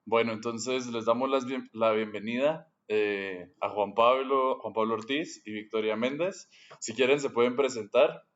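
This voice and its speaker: A man's voice: mid-range voice, unhurried, few pauses. Guatemalan man hosting, slightly dull sound. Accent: Guatemalan Spanish. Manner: relaxed, hesitant, tags phrases with ¿no?. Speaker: podcast host. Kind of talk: casual podcast chat.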